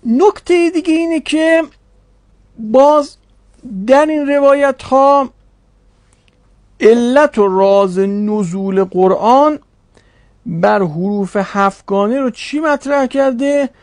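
A man's voice: very high-pitched, long pauses, a little mellow, no room sound, clean studio sound. A man teaching a religious studies class, reasoning aloud and posing rhetorical questions to his students.

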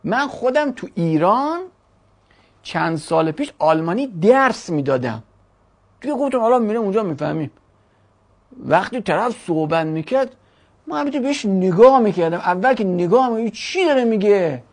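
Brief: gravelly-voiced language teacher at mid pitch, lecturing casually and tossing out rhetorical questions. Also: sing-song. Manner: chatty, rhetorical questions, jokes. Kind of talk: classroom lecture.

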